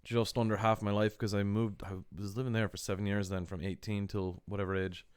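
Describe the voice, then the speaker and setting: Thirties guy, half west of ireland half american accent, smooth voice, very dry recording, just chatting. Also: fairly low pitch, level tone, fairly quick, dry recording. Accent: blend of west of Ireland and American. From United States and west of Ireland. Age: 30s. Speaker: podcast host. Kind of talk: casual chat.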